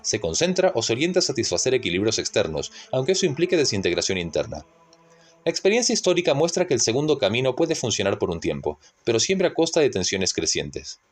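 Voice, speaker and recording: A man narrating a scripted history essay in a measured, didactic way, posing rhetorical questions. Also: mid-range voice.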